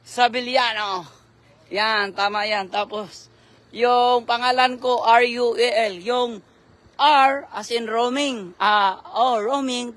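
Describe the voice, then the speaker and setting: A hoarse man doing casual live-stream commentary on a night fishing trip, giving shout-outs and spelling names for viewers. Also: very high-pitched. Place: outdoors at night by the water.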